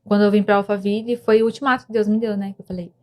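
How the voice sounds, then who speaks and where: A woman's voice: mid-range voice, flat delivery, very fast, a little mellow. A young woman, earnestly telling a personal story of faith and depression as a podcast guest, with many restarts. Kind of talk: emotional personal testimony.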